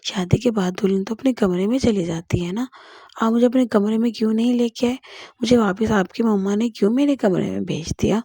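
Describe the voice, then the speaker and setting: A woman's voice: a little high, mellow, breathy edge, no room sound, studio quality. A woman voicing a stubborn, childish young bride who pleads and insists in a raised, girlish voice. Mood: insistent.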